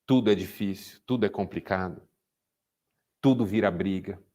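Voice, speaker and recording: Addressing a men's group in Brazilian Portuguese, a man delivers a talk much like a sermon, full of stories whose dialogue he performs with animation. He speaks at a normal speed in a low-sitting voice.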